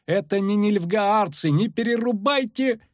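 A man voicing an excitable, stubborn male poet who shouts eagerly. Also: on the high side, unhurried, husky, no echo, studio quality, voice pushed up, exaggerated voice. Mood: agitated.

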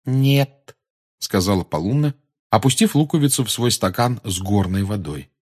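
A man narrating an audiobook in a measured, expressive manner. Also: lowish voice, husky. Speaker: audiobook reader. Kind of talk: scripted narration.

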